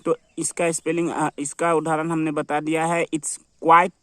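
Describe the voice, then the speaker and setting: Male teacher, slightly high voice, dry close recording, drills words with self-answered questions. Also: monotone, unhurried, pushed and bright, dry recording. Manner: repetitive, asks and answers his own questions. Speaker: English teacher. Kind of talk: classroom-style vocabulary lesson.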